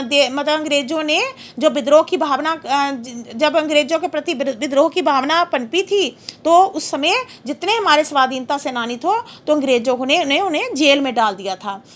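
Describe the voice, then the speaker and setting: A woman teacher explaining a poem to her class, asking questions, reciting lines slowly and telling students what to note down. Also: high-pitched. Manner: lively, questioning, recites verse slowly, dictates notes.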